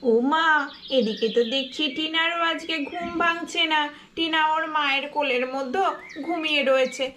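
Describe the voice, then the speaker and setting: Woman, storyteller, doll-play narration, chatty, high voice, faint hiss. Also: moderate pace, fairly bright tone. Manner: chatty, watching and remarking on the scene.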